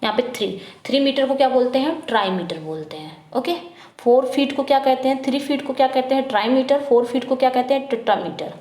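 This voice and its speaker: A woman teaching an English exam prep lesson, reading questions slowly and explaining quickly in Hindi, asking and answering herself. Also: high voice, darkish tone, echoey room. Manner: repetitive drilling, asks then answers herself.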